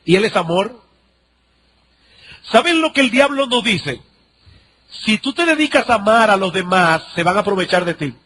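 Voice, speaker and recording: Male pastor, high voice, sermon delivery with repeated rhetorical questions. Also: lively intonation, moderate pace, pauses often, bright, forceful tone, a little hiss or hum. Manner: preaching with rhetorical questions and repetition.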